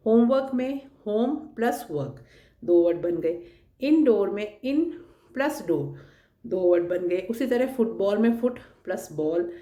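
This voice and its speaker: A woman's voice: mid-range voice, roomy sound. A woman teacher, patiently walking students through a worksheet step by step. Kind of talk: explaining a worksheet lesson.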